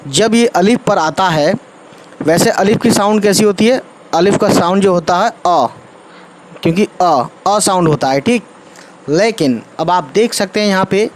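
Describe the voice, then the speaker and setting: एक पुरुष उर्दू शिक्षक, आराम से समझाते हुए पाठ पढ़ाता है और बार-बार "ठीक है" कहता है, बीच-बीच में अंग्रेज़ी शब्द मिलाता है।. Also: male voice, sits high, normal speed, slight background noise. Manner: repeats "ठीक है" often, mixes English words. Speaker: Urdu teacher. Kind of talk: casual explanatory lesson.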